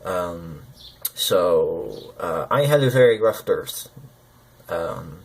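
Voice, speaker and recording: A man talking personally to camera, hesitant and halting, with slurred lip consonants as if numb from the dentist. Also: sits low, lively intonation. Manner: hesitant, halting, searching for words. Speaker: gaming video creator.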